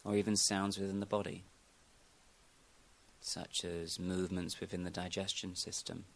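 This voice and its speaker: A man with a low voice and vocal fry gives yoga nidra meditation guidance. His delivery is calm and slow, with long silences between instructions.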